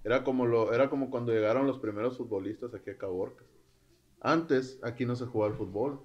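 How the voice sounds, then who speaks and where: A man's voice: medium pitch, fast talker, a little mellow, muffled recording. Joking man, podcast banter. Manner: joking, finishes others' sentences. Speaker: podcast co-host. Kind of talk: casual chat.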